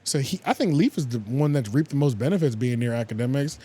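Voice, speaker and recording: A man's voice: medium pitch, expressive, fast talker, dark tone, slightly rough. A man co-hosting a casual podcast, chatting animatedly, laughing and swearing freely. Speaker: podcast co-host. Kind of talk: casual chat.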